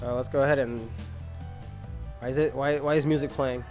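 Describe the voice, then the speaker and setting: A man's voice: mid-range voice, steady tone, moderate pace, a little mellow, soft background music. A man doing casual, slangy gameplay commentary as a let's-play host, thinking aloud. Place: voice-over with game sound and music behind.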